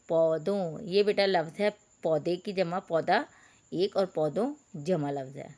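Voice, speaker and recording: A woman's voice: on the low side, darkish tone. A woman teacher, patiently spelling out words letter by letter in an online reading lesson for young pupils. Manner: addresses pupils as beta.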